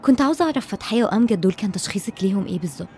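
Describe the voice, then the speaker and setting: A woman's voice: mid-range voice, lively intonation, very fast, a little mellow, a little hiss or hum, natural voice. An actress playing a determined, persuasive woman doctor in a radio drama, with an Egyptian accent and an assertive manner. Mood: concerned, resolute. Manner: assertive, coaxing. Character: determined, persuasive female doctor investigating a mystery.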